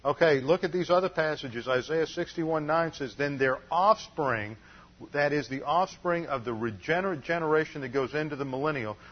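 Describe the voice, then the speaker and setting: A man teaching an expository sermon in an earnest, emphatic way, often pausing with uh. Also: a little high. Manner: earnest, emphatic, with frequent uh pauses. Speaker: Bible teacher. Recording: dull lo-fi recording.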